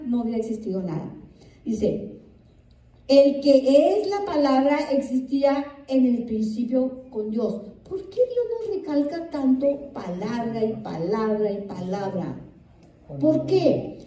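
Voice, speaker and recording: A woman pastor with a high, dark-toned voice delivers a sermon, reading scripture aloud, repeating it for emphasis, and asking the congregation questions. It was recorded with a distant mic in an echoey room.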